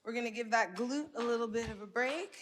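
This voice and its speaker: A woman's voice: on the high side, moderate pace, a little hiss or hum. A woman fitness instructor speaking while exercising, guiding a stretching workout with timed breathing cues and encouragement. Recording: long hall-like reverb.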